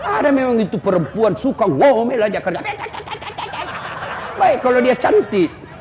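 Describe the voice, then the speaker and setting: A man preaching a humorous sermon to a crowd, joking and animated and breaking into shouts. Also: very high-pitched, moderate pace, big-room sound, background noise.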